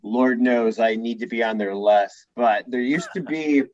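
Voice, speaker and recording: A man's voice: mid-range voice, fairly even intonation, a little slow, darkish tone, dull audio. A man co-hosting a podcast, chatting casually and laughing as he tells a story. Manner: chatty, laughs while telling stories. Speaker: podcast co-host.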